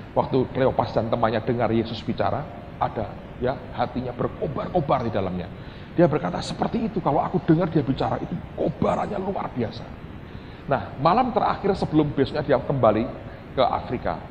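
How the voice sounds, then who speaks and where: A man preaching a storytelling sermon, speaking directly to his listeners and growing loud and excited as he retells events. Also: mid-range voice. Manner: animated, addresses listeners as "saudara", grows loud and excited while retelling. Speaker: pastor. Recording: dull, roomy hall with noise.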